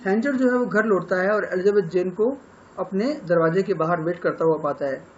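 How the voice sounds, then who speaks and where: Indian man lecturing, high-pitched voice. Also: expressive, brisk, highs cut off, slight background noise. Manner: explanatory, mixes Hindi and English, frequent fillers. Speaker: English literature teacher. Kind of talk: lecture summarizing a novel.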